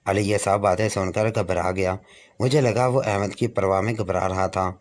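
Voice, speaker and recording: A man narrating a first-person moral story in a steady, even way. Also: low voice.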